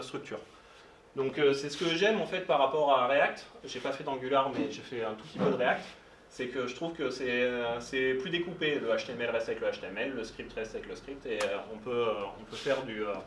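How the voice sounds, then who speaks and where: A man giving a live technical talk at a meetup, speaking informally and hesitantly with many fillers and asides. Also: medium pitch. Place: meetup room. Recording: roomy sound, distant mic, faint noise.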